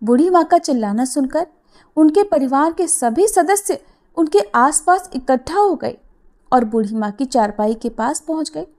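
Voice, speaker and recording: High-voiced woman telling a devotional tale. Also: moderate pace. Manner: gentle, expressive storytelling with voiced quotes. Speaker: storyteller. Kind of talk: devotional story narration.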